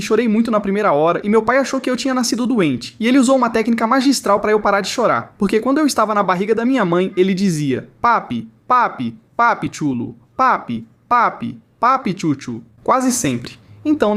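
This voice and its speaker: A man narrating funny family anecdotes with animated, exaggerated comic delivery. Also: sits high. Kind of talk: scripted comedic story narration.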